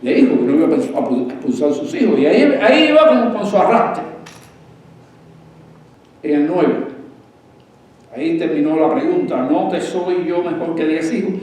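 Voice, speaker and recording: A man preaching a sermon in a church, putting questions to his congregation and dropping from raised passages to near hushes. His voice sits a little higher than most men's. He stands back from the microphone, and the room rings with heavy echo. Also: animated, moderate pace, pauses often. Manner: asks the congregation questions, swings from loud to hushed. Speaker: pastor. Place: church sanctuary. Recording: echoey room, voice from a distance.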